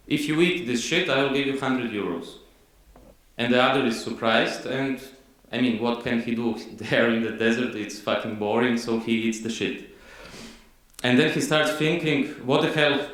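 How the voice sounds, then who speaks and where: A man's voice: mid-range voice, a bit bright. Croatian-accented man lecturing in an echoey hall. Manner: measured, frequent "uh" fillers, reads quotes slowly. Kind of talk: conference lecture.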